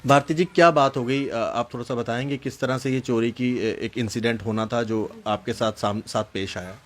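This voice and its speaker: A male news reporter who introduces a field interview and makes an earnest appeal to viewers, pausing on hesitant fillers. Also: medium pitch, steady tone, fairly bright tone.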